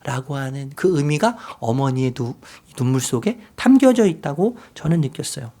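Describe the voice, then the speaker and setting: A male pastor preaching a sermon, telling a story with big swings from loud to whispered. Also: medium pitch, expressive, moderate pace. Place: church sanctuary.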